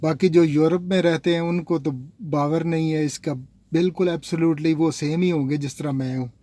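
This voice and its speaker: A Pakistani man's casual vlog, in a slightly high, mellow voice with a steady tone and moderate pace. He chats and wanders from topic to topic, talking directly to viewers he calls "nazreen."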